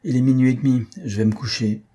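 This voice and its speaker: A man reading an audiobook, voicing a stern, sharp-tongued old dowager countess in a tart, dismissive manner. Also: mid-range voice, steady tone, fast talker, pitched above the performer's own voice, natural voice. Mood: weary.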